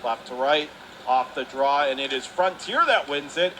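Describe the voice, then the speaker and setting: A man calls live radio play-by-play of an ice hockey game from the arena, his voice medium-pitched and a bit bright at a moderate pace. Arena noise comes through clearly behind him.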